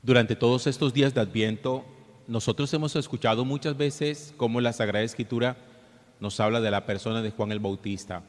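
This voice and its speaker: Male priest, scripture and homily delivery, measured solemn manner, cathedral echo with long reverb. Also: lowish voice. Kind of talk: Gospel reading and homily. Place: large church interior.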